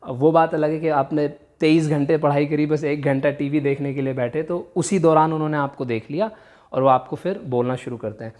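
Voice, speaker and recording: A man's voice: on the high side, fairly even intonation, darkish tone. A man teaching vocabulary, explaining patiently and repeating each word carefully. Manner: explains slowly, repeats words carefully, switches between Hindi and English. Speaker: English teacher. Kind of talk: bilingual vocabulary lesson.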